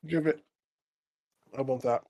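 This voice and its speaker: A man's voice: medium pitch, steady tone, a little slow, warm tone. A man on a podcast giving brief, laid-back replies. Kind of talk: casual chat.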